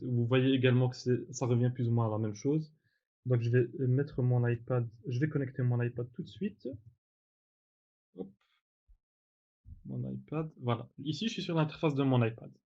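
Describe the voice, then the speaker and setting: A man teaching in a relaxed tutorial, demonstrating software step by step with frequent fillers and self-corrections. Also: mid-range voice, normal speed, highs cut off. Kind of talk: screen-recorded tutorial.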